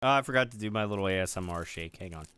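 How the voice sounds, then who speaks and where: A man's voice: fairly low pitch, racing, sharp tone, clear, resonant tone. A man streaming, chatting casually with viewers while he builds. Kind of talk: casual live-stream chat.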